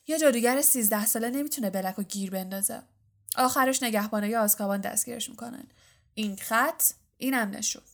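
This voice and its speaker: A woman's voice: a little high, vocal fry. A woman voicing a tired, earnest middle-aged father in an audiobook. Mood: serious. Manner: earnest and weary.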